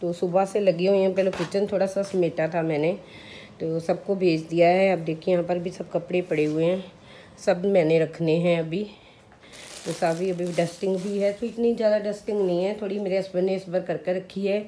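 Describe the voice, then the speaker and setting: Her voice is on the low side and warm, with fairly even intonation and normal speed, plus a faint hiss or hum. She's a mother in her thirties with a sore throat, casually narrating a home vlog from her kitchen and rooms on a handheld phone. She talks to viewers the way she'd talk to friends.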